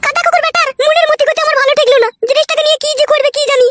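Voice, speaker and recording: A woman putting on a shrill voice to play a quarrelsome young village wife who grumbles and complains in a comic skit. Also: steady tone, rapid-fire, a bit bright, dry recording, studio quality. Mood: grumbling.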